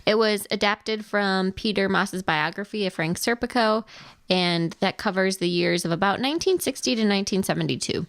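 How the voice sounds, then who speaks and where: A woman's voice: mid-range voice, moderate pace, fairly bright tone, dry recording. A woman from Wisconsin co-hosting a podcast, chatting casually and giving frank, matter-of-fact opinions with some fillers. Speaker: podcast co-host. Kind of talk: casual chat. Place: home studio.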